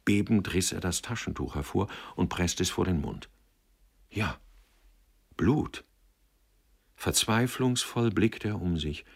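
Deep, gravelly male audiobook narrator. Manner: measured, expressive storytelling.

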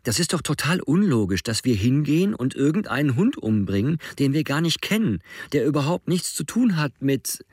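A man's voice: expressive, moderate pace, vocal fry, dry recording. A frightened teenage boy pleads in a strained, rising voice that swings up and down widely, put on by a male audiobook narrator. The sound is dry and close, with no room around it. He sounds upset and desperate. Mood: insistent. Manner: high-pitched, pleading, upset. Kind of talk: audiobook reading.

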